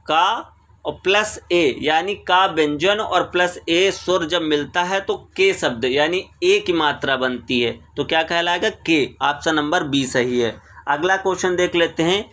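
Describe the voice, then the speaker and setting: A man's voice: on the high side, fairly bright tone. A man teaching exam questions, reading each question, repeating it and explaining the answer. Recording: screen recording voice-over.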